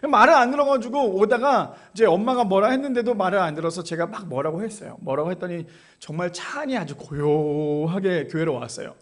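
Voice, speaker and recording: A man delivers a sermon in a church with an unusually high voice. He speaks in a chatty, easygoing way and keeps putting rhetorical questions to his listeners. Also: brisk. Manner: conversational, asks the congregation rhetorical questions. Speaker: pastor.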